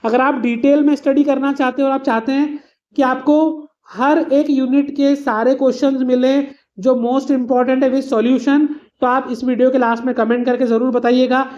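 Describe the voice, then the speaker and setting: A woman's voice: sits high, level tone, normal speed, dark tone, muffled recording. A woman teacher giving an exam revision lesson, explaining patiently with simple everyday examples and calling her students "beta".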